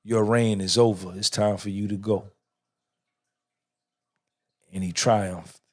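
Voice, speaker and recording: A man's voice: on the low side, steady tone, slow, a little mellow. A middle-aged man hosting a podcast, giving an emphatic, swaggering motivational monologue full of repetition and cursing. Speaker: podcast host.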